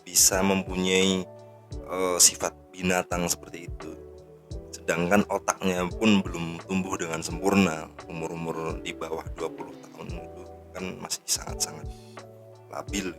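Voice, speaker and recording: Brief: deep-voiced man in his 30s, indignant casual news commentary host, faint music underneath. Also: little pitch movement, moderate pace. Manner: indignant, rambling with fillers.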